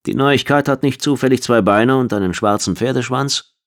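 A man's voice: medium pitch, moderate pace, voice pushed up, lightly acted. A skeptical senior officer asks dry, pointed questions, as a male narrator puts him on. It stays close to the reader's own voice, only slightly raised.

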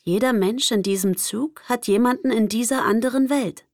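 A young woman narrating a first-person audiobook in a lively, expressive way. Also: a little high, moderate pace, no room sound, clean studio sound.

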